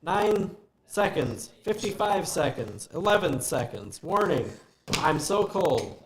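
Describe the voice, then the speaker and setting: Man doing a glitching failing computer, slightly high voice, flat halting error readouts, echoey room. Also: exaggerated voice. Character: glitching, failing station computer, panicky and broken. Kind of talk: tabletop game voice acting.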